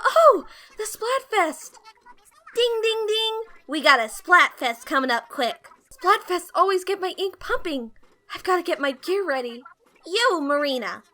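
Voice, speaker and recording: A woman's voice: extremely high pitch, pushed and bright, exaggerated voice. A woman voicing bubbly young pop-idol squid hosts in playful, slangy, teasing video game banter. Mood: excited.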